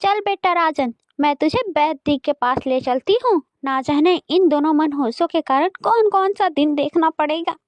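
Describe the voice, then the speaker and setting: A woman voicing a harsh, scornful stepmother in a cartoon story, with a shrill, cutting voice. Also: moderate pace, hardly any pauses, dry recording, lightly acted. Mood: scolding. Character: harsh scolding stepmother, favours her own son.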